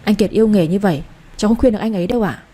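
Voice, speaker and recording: A woman's voice: mid-range voice, racing, warm tone, close to an everyday voice. A woman voicing a timid young heroine who speaks politely and pleads anxiously. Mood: pleading.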